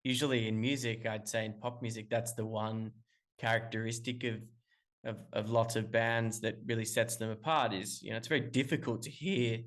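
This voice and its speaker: An Australian musician guest on a remote call gives casual, long-winded interview answers, restarting often and using plenty of fillers. He has a lowish voice with fairly even intonation and a moderate pace.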